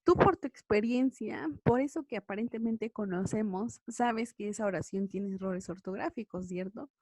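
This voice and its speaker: A woman's voice: mid-range voice, normal speed, dark tone, no room sound. Female Mexican teacher, conversational lecture, dry sound. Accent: Mexican Spanish. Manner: conversational, frequent tag questions. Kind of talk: online class lecture.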